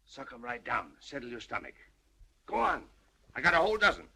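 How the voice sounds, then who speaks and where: An actor playing a crusty, wily old doctor in brisk, wry 1930s screwball comedy film banter. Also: male voice, medium pitch, huge pitch swings, gravelly, pushed and bright, a little hiss or hum, exaggerated voice. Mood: wry, coaxing. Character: crusty, wily old small-town doctor, unbothered fraud.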